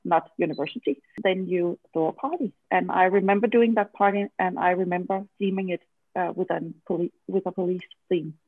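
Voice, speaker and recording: Steady in tone and slightly quick, the low-leaning voice of a Danish woman in her forties comes through a dry, tinny phone-like recording. An event strategy consultant, she responds to interview questions casually and hesitantly, filling gaps with fillers and laughing easily.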